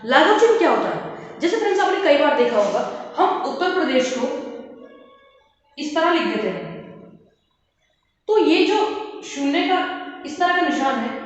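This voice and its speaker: High lively woman teaching, echoey room. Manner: addresses viewers as "friends" again and again, explains slowly with examples. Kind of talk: classroom-style grammar lesson. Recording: echoey, dull lo-fi room recording.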